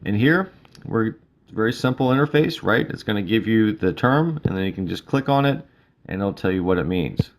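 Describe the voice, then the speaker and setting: A male instructor giving a relaxed, casual walkthrough of a mobile study app, with frequent fillers. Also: lowish voice, moderate pace. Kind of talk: screen-recorded app tutorial.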